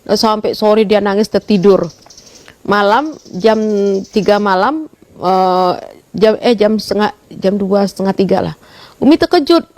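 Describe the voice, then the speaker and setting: A middle-aged woman, retelling a family story in an interview, swinging between soft murmurs and sudden loud exclamations. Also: medium pitch, unhurried, long pauses. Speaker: interviewed mother. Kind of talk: emotional personal storytelling.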